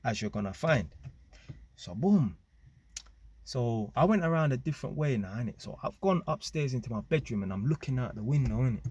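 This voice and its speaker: A man's voice: mid-range voice, fairly quick, husky, muffled recording. Slang-heavy man telling a story. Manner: slang-heavy, animated, with frequent tag questions. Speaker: vlogger. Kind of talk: casual storytelling.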